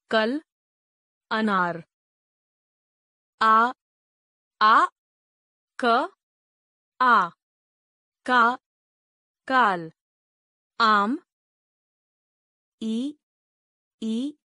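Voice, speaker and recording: A woman teaching Hindi grammar, slowly sounding out each vowel and syllable one at a time in a vowel drill for children. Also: on the high side, fairly bright tone, dry recording, studio quality.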